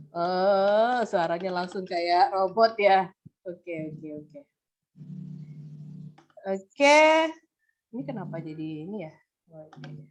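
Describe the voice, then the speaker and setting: A woman lecturer leading an online class discussion over a video call, patient and chatty with gentle teasing. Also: lowish voice, slow pace, pauses often, soft background music. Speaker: university lecturer. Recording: muffled video-call audio, faint noise.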